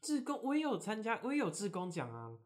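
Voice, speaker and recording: Quick-talking woman reacting in casual chat. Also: medium pitch, very animated. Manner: quick reactive interjections and questions. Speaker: podcast co-host.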